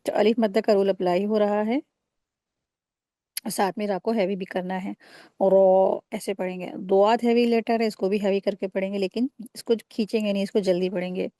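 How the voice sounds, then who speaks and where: A woman teaching a recitation lesson, patiently explaining each rule and then slowly modelling the drawn-out sounds. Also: mid-range voice, steady tone, dark tone, no room sound, clean studio sound. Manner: patient, repeats and corrects common mistakes. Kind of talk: tajweed lesson.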